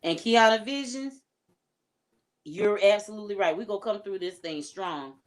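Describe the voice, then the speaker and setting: A woman's voice: mid-range voice, normal speed. Female guest, talkative and sincere, middle-range voice. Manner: chatty, earnest. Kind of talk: casual video call chat.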